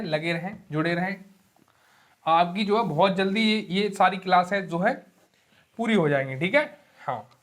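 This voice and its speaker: A man teaching a grammar class online, who explains slowly, repeats key terms and often checks in with his students. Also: high-pitched, a bit bright. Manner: drags vowels out long to demonstrate them. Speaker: Hindi teacher. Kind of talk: online exam-prep lecture.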